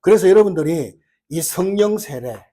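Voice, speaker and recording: A male pastor delivering a sermon in a fairly high, mellow voice. His pitch swings widely as he tells stories and acts out the lines of the people in them. He keeps the congregation engaged the whole time. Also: normal speed. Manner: animated storytelling, acting out quoted lines.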